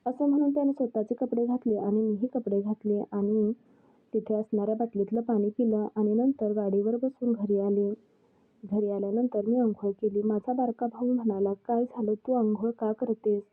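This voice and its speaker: A woman's voice: mid-range voice, steady tone, moderate pace. A young woman narrating a first-person story in a plain, confessional way. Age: young adult. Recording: tinny phone-like sound.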